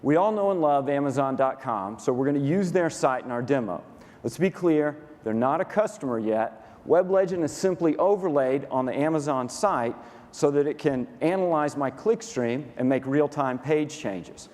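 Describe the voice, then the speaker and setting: A man from Texas, the company's COO, demonstrates software during a staged product demo on a conference stage in a large hall. His voice sits on the high side, animated yet a little mellow, at a normal speed, while his walkthrough stays dry, matter-of-fact and methodical. The hall gives the recording plenty of reverb.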